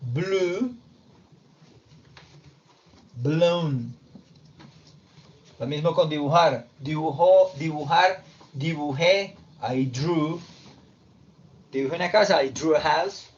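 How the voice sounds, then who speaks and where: Slow-talking male English teacher. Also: fairly high pitch. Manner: slow, explains verbs step by step in Spanish and English. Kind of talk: recorded classroom lesson. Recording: dull lo-fi sound with faint background noise.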